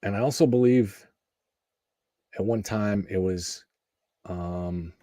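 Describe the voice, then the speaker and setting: A man with a low voice in a very dry recording. He talks casually as the host of an online show, commenting live on the news. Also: slow, dark tone, no echo.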